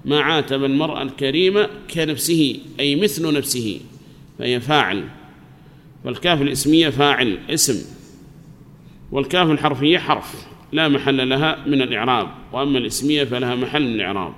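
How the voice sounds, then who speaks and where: A man's voice: medium pitch, a bit bright. Man teaching grammar in a reverberant hall. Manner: explains slowly, asks the class questions and answers them himself. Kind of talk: classroom lesson. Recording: long hall reverb, faint background noise.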